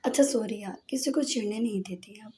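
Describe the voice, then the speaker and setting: A woman's voice: medium pitch, a little fast, mellow, natural voice. A woman voicing a mischievous, teasing young man in an audiobook novel, with a playful manner.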